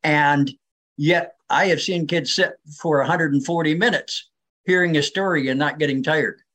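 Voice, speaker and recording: A man's voice: fairly high pitch, moderate pace, sharp tone. An older man speaking as an interview guest, explaining things in an earnest, persuasive way. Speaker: interview guest, reading advocate.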